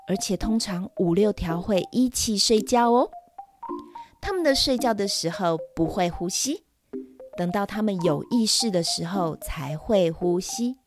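A woman with a Taiwanese Mandarin accent hosting educational storytelling for young children, explaining simply with questions as if reading to a toddler. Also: medium pitch. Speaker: host of a children's facts podcast. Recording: music behind the voice. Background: background music.

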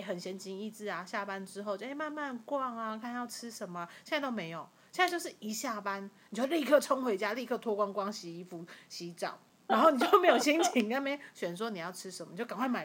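A woman with a Taiwanese Mandarin accent co-hosting a podcast in casual chat. She is expressive and laughs as she tells stories. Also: a little high, a little fast, hardly any pauses, slightly rough. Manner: expressive, laughing, acts out quarrels. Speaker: podcast co-host.

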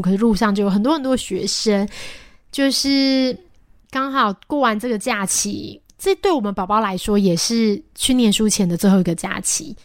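A young woman, hosting a podcast and casually telling a story with many fillers and soft asides. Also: mid-range voice, no echo, studio quality. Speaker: podcast host.

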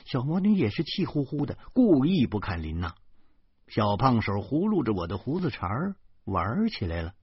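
A husky-voiced man reads a serialized novel aloud, his pitch moving in lively swings. It sounds dry and close, but dull and lo-fi. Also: moderate pace, no echo. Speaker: audiobook reader.

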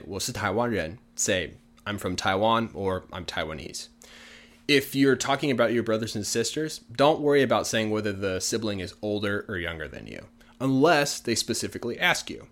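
With a lowish voice that has a bit of brightness, a native English-speaking man runs a casual lesson. He explains language points patiently and plainly, backing them up with many examples.

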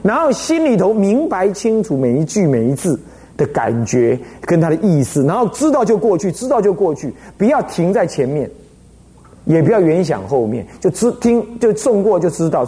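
A man's voice: on the high side, big pitch swings, a little fast, warm tone. An older man, a Buddhist abbot giving a dharma lecture in a teacherly way, often checking in with rhetorical questions.

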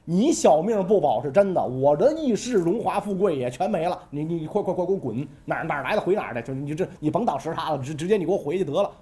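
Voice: mid-range voice, animated, fast, hardly any pauses, warm tone, close to an everyday voice. A storyteller doing a stammering greedy court eunuch. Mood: exasperated. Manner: stammering, scolding. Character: flustered greedy male court eunuch, blustering.

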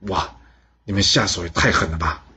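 A man voicing an uneasy nobleman who speaks in a hushed, troubled way. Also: low voice, level tone, rapid-fire, a little hiss or hum. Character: grieving, uneasy male nobleman. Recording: dull lo-fi sound.

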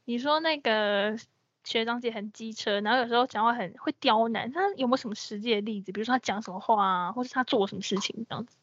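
A woman's voice: on the high side, fast, fairly bright tone, lo-fi sound, slight background noise. A young woman with a Taiwanese accent hosting a casual podcast chat, blunt, cheeky and colloquial. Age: young adult. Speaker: podcast host.

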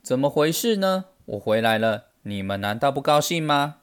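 A man's voice: medium pitch, big pitch swings, moderate pace, clear, resonant tone, natural voice. A man voicing a cocky, heroic male Monkey King who talks in a boastful, teasing way for a children's storybook. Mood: puzzled.

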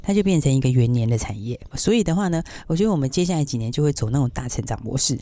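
A male stock analyst with a Taiwanese accent talks at a rapid clip in a mellow voice. He explains casually, tossing out short rhetorical questions as he goes. The sound is dry, with very little room. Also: medium pitch, animated, no room sound. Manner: explanatory, peppers talk with rhetorical check-in questions. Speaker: stock market analyst and teacher. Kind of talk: casual market commentary talk.

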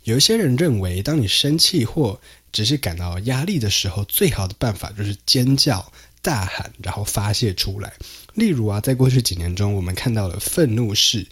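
A man with a husky, low voice hosts a solo podcast, explaining research in an easygoing, conversational way. His pitch moves a lot as he talks, and he drops in fillers and English terms. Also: lively intonation, moderate pace, a bit bright. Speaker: podcast host.

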